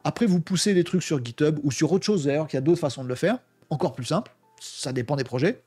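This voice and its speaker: A man's voice: on the high side, lively intonation, quick pace, darkish tone, breathy edge, no echo. A man presenting a casual screen-share tech tutorial, enthusiastic and slangy, acting out little imagined dialogues. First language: French. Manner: colloquial slang, many fillers.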